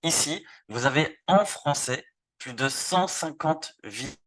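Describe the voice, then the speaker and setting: A French online presenter runs a live webinar product demo, casually walking through a website and repeating words as he clicks between screens. His voice is fairly high and a bit bright, with lively intonation and a slightly slow pace.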